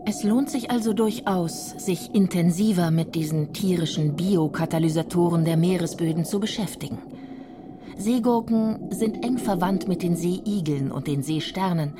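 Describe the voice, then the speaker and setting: A woman's voice: on the low side, normal speed, noisy background. A woman reading scripted science narration for a radio documentary. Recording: music bed behind the voice. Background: music.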